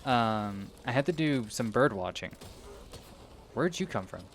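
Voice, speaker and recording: A man's voice: medium pitch, lively intonation, a little slow, a little hiss or hum. A young man giving rambling, casual commentary while playing a video game, often losing his train of thought. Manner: rambling, meandering, self-interrupting. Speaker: gaming video creator.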